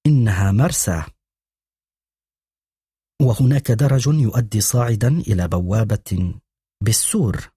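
A man's voice: fairly low pitch, a little slow, pauses often, dark tone, slightly rough, no room sound, studio quality. A man voicing a bold young boy who leads a gang of thieves, speaking in a whisper, in an audiobook.

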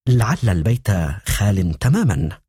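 A young girl thief whispers her lines with care , voiced by a male narrator. The tone is dark and mellow, and the reading has a slightly husky edge. It sits close and dry, like an audiobook. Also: fairly low pitch, big pitch swings, moderate pace, dry recording. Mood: hushed. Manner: hushed, careful.

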